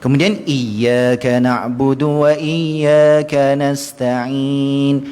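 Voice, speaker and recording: A man's voice: mid-range voice, fairly even intonation, darkish tone, clear, resonant tone. Man teaching in a mosque hall. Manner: slowly chants verses to demonstrate, then explains; addresses the audience directly and often. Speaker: religious teacher. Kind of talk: mosque lecture on Quranic pronunciation. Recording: long mosque hall reverb.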